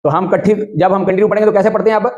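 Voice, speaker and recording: A man with a Pakistani Urdu accent teaching tajweed step by step, slowly chanting Arabic words syllable by syllable and checking that viewers follow. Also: high voice, fairly even intonation, a little mellow, dull audio. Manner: asks the viewer if it is clear. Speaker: Quran recitation teacher.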